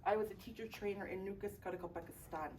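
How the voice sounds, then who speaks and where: A woman's voice: medium pitch, steady tone, fast, darkish tone. Woman, teacher from Miami, classroom presentation, frequent "right?", distant mic, faint noise. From Miami, Florida, United States. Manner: tags sentences with "right?" to check in with the audience.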